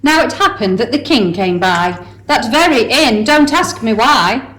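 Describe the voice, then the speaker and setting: A woman's voice: on the high side, lively intonation, measured pace, a bit bright. A woman narrating a rhyming pantomime story in a theatrical storytelling manner. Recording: echoey room with clear noise.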